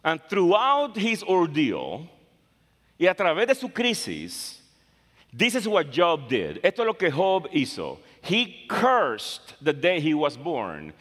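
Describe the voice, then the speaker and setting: A man preaches slowly with a fairly high voice that rises and falls a great deal. He leans on words and repeats phrases for stress. The long reverb of a large church hall hangs on every line. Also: wildly swooping pitch, a bit bright. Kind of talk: bilingual sermon, English and Spanish in turn.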